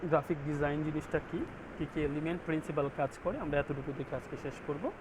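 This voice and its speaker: A man teaches a design class over a video call. His voice sits a little high, and he explains step by step, stopping often to check that everyone follows. Steady noise runs under the call audio. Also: quick pace. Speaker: graphic design instructor. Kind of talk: online class lecture.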